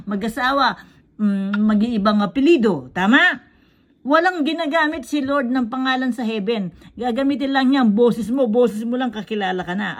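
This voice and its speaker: A woman telling stories to a child, casually quizzing and checking in with short questions. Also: fairly high pitch. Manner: quizzing, checks in with "tama?" after each point. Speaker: storyteller to a child. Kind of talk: casual storytelling in mixed Tagalog and English.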